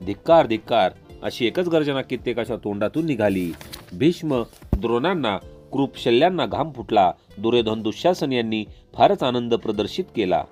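A man narrating an epic tale in a measured, dramatic reading. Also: on the low side. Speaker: storyteller. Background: soft instrumental music.

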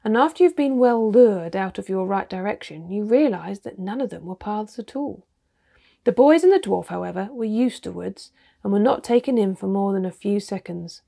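A woman reading a children's storybook aloud, with steady, expressive narration. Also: mid-range voice, moderate pace, creaky. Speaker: reader.

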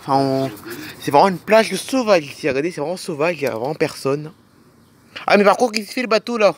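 A man's voice: on the high side, expressive, fairly quick, a little hiss or hum. A man narrating a playful toy film as a dad, pointing things out to the kids with enthusiasm.

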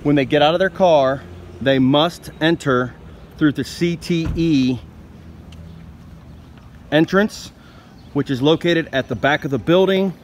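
A man's voice: fairly high pitch, a little slow, pauses often, slight background noise. A young man narrating a school news video as a scripted voice-over, reading instructions plainly and steadily. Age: young adult.

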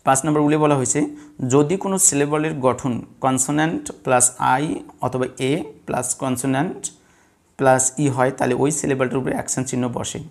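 A man's voice: medium pitch, brisk, gravelly. A man teaching an English pronunciation lesson to students, patiently repeating rules and answering his own questions. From Bangladesh. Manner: patient, repetitive, asks students questions and answers them himself. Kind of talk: blackboard lesson explaining word stress.

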